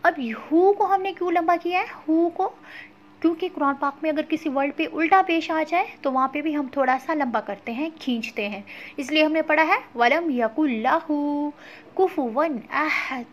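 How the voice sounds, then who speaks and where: A woman teaching Quran recitation, chanting verses slowly and drawn out, then explaining pronunciation rules in quick, plain speech. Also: high voice, highs cut off. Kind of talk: tajweed lesson with slow chanted recitation.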